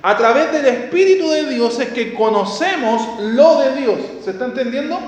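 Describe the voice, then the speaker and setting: A man's voice: very high voice, animated, moderate pace. A man preaching a sermon, asking his listeners questions, answering them himself and reading scripture aloud with repeated key words. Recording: echoey hall with long reverb.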